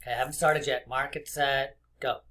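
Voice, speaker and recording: A man's voice: medium pitch, steady tone, noisy background. Man talking like a kids show host. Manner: encouraging, addresses children with simple questions and pauses. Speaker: children's math teacher. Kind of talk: kids show host, interactive counting lesson for young children. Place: small indoor room.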